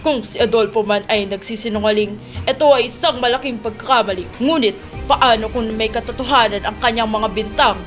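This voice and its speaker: A stern, doubting monarch, played by a woman declaims gravely in old-style radio drama. The voice is fairly high, with faint music behind. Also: brisk, a bit bright, natural voice. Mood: wary.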